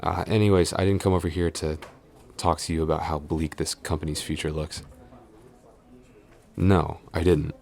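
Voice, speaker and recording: Sitting low and a little mellow, the man's voice carries an exasperated, evasive mood. He's acting as a flustered tsundere boyfriend and office supervisor in intimate audio roleplay, stammering defensively while he scolds.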